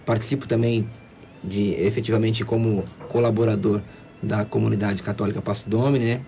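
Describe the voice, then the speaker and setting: A Brazilian lawyer in his twenties, with a São Paulo coast accent, is a guest on a radio interview in a studio, speaking hesitantly and repeating words. His voice is fairly low, flat in pitch, a little fast, creaky, and mellow, with a slight hiss or hum.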